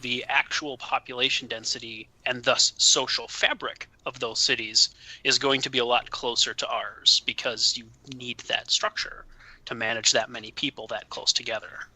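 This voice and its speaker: Man, podcast co-host, goofy, enthusiastic, very bright voice. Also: mid-range voice, steady tone, normal speed, no echo, low-quality recording. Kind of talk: casual podcast chat.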